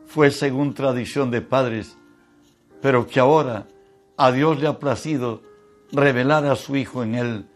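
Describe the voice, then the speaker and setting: A man preaching a sermon, reading scripture slowly with measured pauses. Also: mid-range voice.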